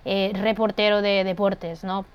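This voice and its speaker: Smooth-voiced woman hosting a podcast. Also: medium pitch, flat delivery, measured pace. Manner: explanatory, clarifies terms for listeners. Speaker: podcast host.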